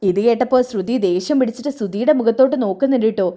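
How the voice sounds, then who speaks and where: A woman's voice: a little high, very fast, dark tone. A woman retelling a television serial's story in a chatty, casual narration. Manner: chatty, tag particle at line ends.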